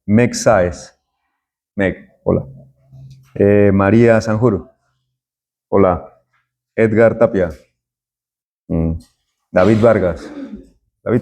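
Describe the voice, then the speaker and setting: A man's voice: on the low side, a little mellow. A middle-aged man, a university lecturer taking roll and chatting with students in a classroom. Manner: friendly, chatty, jokes with students.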